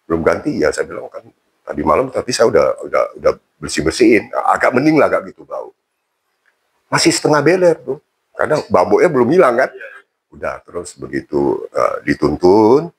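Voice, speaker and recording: Man, low husky voice, lively pitch, casual colloquial storytelling. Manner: chatty, colloquial, self-mocking, many fillers. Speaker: guest telling his conversion story.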